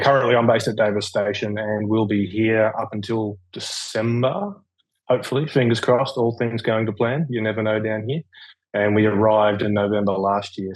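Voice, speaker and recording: A man's voice: on the low side, rough recording. An Australian man being interviewed over a remote call, explaining where he works in an easygoing, matter-of-fact way. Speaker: interview guest, carpenter at a research station. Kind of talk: casual interview.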